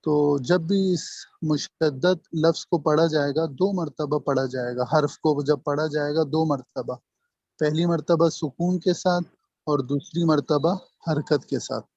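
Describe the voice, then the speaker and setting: A man teaching Arabic grammar in an online lesson, speaking slowly and repeating each term and example. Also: on the high side, fairly even intonation, darkish tone, no echo. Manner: slow, repeats terms and drills examples. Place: online video call. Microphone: computer mic on a video call. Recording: dull, dry video-call audio.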